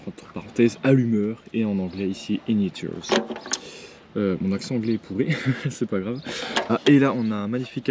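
A man, casually showing his militaria collection, hesitant with many fillers. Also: mid-range voice. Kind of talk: casual show-and-tell vlog. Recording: clear background noise with clicks.

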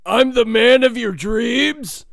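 An actor in an animated fan dub playing a huge, lovesick, bossy turtle-monster king in a theatrical, blustering way. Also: medium pitch, slow pace, vocal fry, no echo, studio quality. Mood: pleading.

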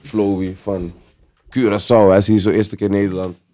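A man hosting a podcast, telling stories in a casual, animated way full of street slang. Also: lowish voice, normal speed. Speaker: podcast host. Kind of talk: casual chat.

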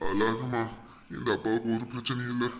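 A calm, easygoing father, played by a man soothes his daughter with a light, joking reassurance. His voice sits at an ordinary middle pitch. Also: a little fast, close to an everyday voice. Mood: reassuring. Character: gentle comforting father, easygoing older man.

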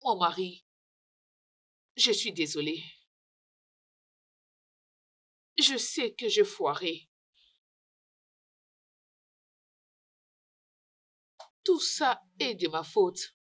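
A woman's voice: medium pitch, animated, takes it slowly. A woman dubbing a proud wife who begs her husband for forgiveness, pleading and sobbing, in a French-dubbed film.

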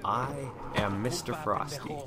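A man's voice: lowish voice, a little slow, over music. A young man joking through a casual let's-play commentary as a gaming YouTuber. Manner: goofy, playful, joking. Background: game audio.

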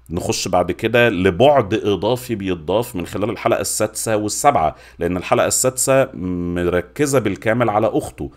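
A man in his forties with an Egyptian accent reviewing in natural unscripted talk, informal and emphatic, repeating words for stress, at a desk microphone. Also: fairly low pitch. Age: 40s. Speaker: YouTube film and series reviewer. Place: small home studio room. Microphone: desk microphone with pop filter.

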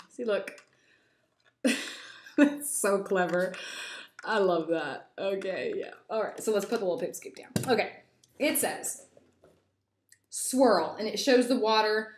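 A young woman chatting through a toy unboxing, giddy and rambling with lots of little asides. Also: on the high side. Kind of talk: casual unboxing chat. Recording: echoey room.

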